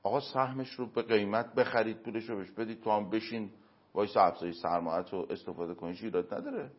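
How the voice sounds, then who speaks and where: A man answering as an interview guest, giving earnest moral and religious advice through everyday examples, with emphatic pauses. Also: on the low side. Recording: dull lo-fi recording.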